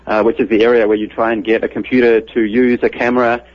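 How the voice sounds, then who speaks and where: This interview guest, a New Zealand computer scientist, lays out his ideas patiently and step by step, though he talks fast with a flat delivery at medium pitch. The recording has the muffled quality of broadcast radio.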